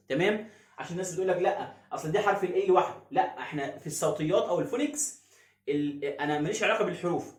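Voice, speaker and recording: A man with an Egyptian Arabic accent teaching English phonics, asking and answering his own questions and repeating words slowly. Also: sits high, reverberant. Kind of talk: phonics lesson explaining pronunciation.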